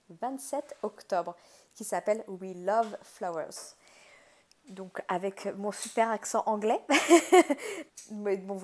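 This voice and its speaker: A woman's voice: mid-range voice, darkish tone. A woman with a French accent chatting casually through a craft unboxing, talkative, with frequent fillers and easy laughter. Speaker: craft video creator.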